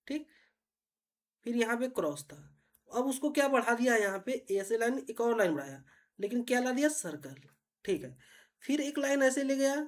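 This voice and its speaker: A woman teacher, patiently explaining reasoning puzzles step by step and often asking if it is clear. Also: a little high, a little mellow. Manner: patient, repetitive, checks understanding often.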